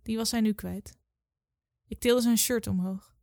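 A woman's voice: fairly high pitch, steady tone, a little slow, gravelly, a little mellow, dry recording. Young woman reading her story, dry sound. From Netherlands. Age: 20s. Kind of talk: literary reading.

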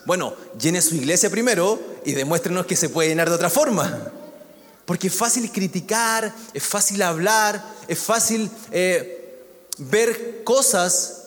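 A man's voice: sits high, measured pace, a bit bright, big-room sound. A man preaching a sermon, conversational and joking, with asides to the congregation. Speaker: pastor.

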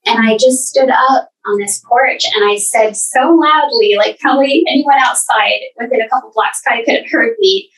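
A woman guest telling her personal story earnestly, with halting restarts. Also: fairly high pitch, fairly bright tone, far from the mic, rough recording. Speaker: podcast guest.

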